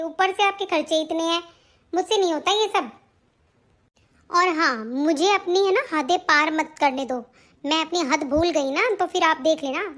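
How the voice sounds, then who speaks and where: A woman's voice: very high-pitched, fairly bright tone. A woman playing a stingy, bossy young daughter-in-law in a comedy sketch, scolding sharply and making threats.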